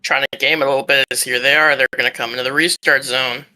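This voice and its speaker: A man's voice: medium pitch, fairly even intonation, fast, pushed and bright. A man co-commentating on a live motor race in an informal, conversational way. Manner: informal, conversational, joking asides.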